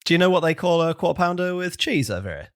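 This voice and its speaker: A man's voice: fairly high pitch, big pitch swings, fast. A man hosting a podcast in casual comedic chat, with a jokey, wry manner. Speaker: podcast host.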